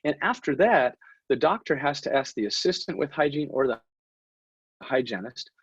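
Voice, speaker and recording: A man's voice: mid-range voice, normal speed, slightly rough, no echo, lo-fi sound. A man, a dentist, giving an online continuing-education talk that leans on stories, acting out office conversations as he goes. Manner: animated, acts out office dialogue in stories. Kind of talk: online lecture with storytelling. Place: at home, away from the office. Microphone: webinar computer mic.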